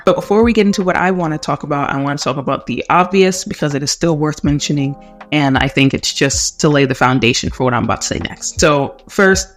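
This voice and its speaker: A man with a fairly high voice talks casually to viewers as a video host, with informal asides. He is recorded through headphones used as a microphone in a bathroom. Faint music sits behind him.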